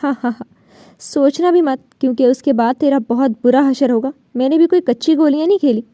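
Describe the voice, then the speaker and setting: Brief: woman narrator voicing a sneering vengeful young man, audiobook, high pitch. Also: dark tone, dry recording, studio quality, lightly acted. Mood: menacing. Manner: menacing, sneering. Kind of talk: audiobook novel reading.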